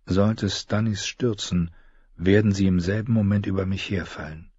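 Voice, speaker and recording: A man reading an audiobook, voicing a brooding male knight's quiet, inward thoughts. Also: low-pitched, fairly even intonation, moderate pace, breathy edge, no echo, highs cut off. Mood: quiet doubt.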